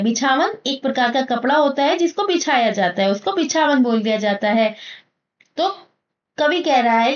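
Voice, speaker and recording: High-voiced woman teacher explaining a story. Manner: explains each passage in plain, simple terms. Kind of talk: reading and explaining a story in a school lesson. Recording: muffled lo-fi recording.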